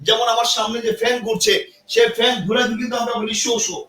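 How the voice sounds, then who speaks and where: A man with a high, bright voice teaches a live online class, asking his viewers questions and repeating each point. The sound carries the echo of an indoor room with a ceiling fan. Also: flat delivery, fast talker, a little hiss or hum.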